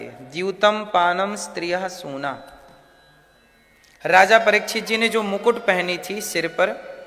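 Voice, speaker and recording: A man's voice: sits high, sharp tone, in a large hall. A man telling a devotional story as a sermon, asking the audience questions and answering them himself. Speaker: religious storyteller.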